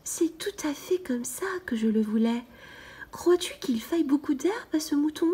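A woman's voice: high voice, lively intonation, moderate pace, warm tone, voice pushed up. A woman doing a curious little boy prince. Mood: delighted. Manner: insistent, wondering questions.

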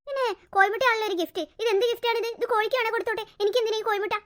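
A woman's voice: very high voice, fairly even intonation, rapid-fire. A woman voicing a sulky, greedy young teenage girl in a cartoon, complaining in an indignant, whiny way. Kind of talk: cartoon voice acting.

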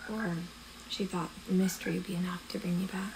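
Brief: actress as a woman returning to her childhood home, calm and wistful narration for a story game. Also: lowish voice, moderate pace, noisy background, lightly acted.

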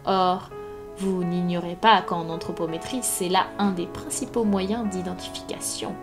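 A woman's voice: fairly low pitch, steady tone, measured pace, music in the background, close to an everyday voice. A woman playing a dry, relentless ex-inspector. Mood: cold. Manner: dry, hard, precise, menacing. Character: cold, relentless male ex-police inspector. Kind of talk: live audiobook reading.

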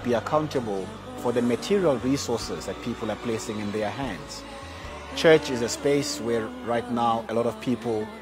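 A man in his forties, an archbishop, talking in a measured, earnest way and building his points with repeated phrases, on a lapel mic in a large hall. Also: medium pitch. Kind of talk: reflective interview monologue. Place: large indoor hall with tall windows. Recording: interview with music underneath.

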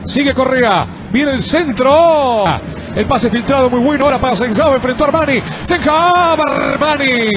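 A man delivering breakneck football goal commentary, loud and excited, with drawn-out exclamations. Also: extremely high pitch, over music. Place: football match broadcast. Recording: loud stadium crowd and noise.

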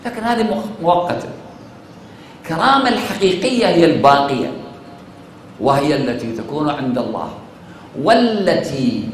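A man's voice: a little high, a little hiss or hum. Iraqi-accented man lecturing in an echoey hall. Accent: Iraqi Arabic. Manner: measured and emphatic, slowing on key phrases, asks and answers his own questions. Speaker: religious lecturer. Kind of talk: Ramadan religious lecture.

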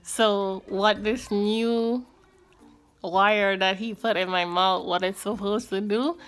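A woman talks slowly and chattily, her words shaped by braces, a tongue crib and a finger pulling her lip down. Her pitch sits mid-range. Faint music plays underneath. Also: fairly even intonation, a bit bright, clean tone. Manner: chatty, frequent filler like and um. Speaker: vlogger. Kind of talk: casual vlog update.

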